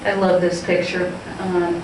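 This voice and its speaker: Presenting a community history session, a woman tells stories casually to a group, reminiscing slowly and fondly but hesitantly, with many ums. Her voice is on the low side and completely flat, recorded in an echoey hall through a distant, noisy mic.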